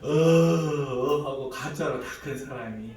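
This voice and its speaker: A man's voice: mid-range voice, takes it slowly, a little mellow, slight background noise. A man, preaching a sermon and telling a personal testimony with dramatic, acted-out prayers. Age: 40s. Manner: dramatic storytelling, acting out prayers and quoted voices. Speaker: pastor. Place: church sanctuary. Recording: echoey church hall, mic at a distance, faint room ambience.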